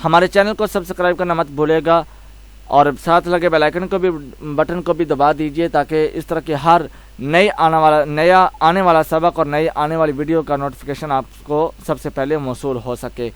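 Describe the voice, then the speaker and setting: A man teaching a tajweed lesson, slowly sounding out letters one by one and explaining each with patient repetition. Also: on the high side, steady tone, smooth, no room sound. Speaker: Quran recitation teacher.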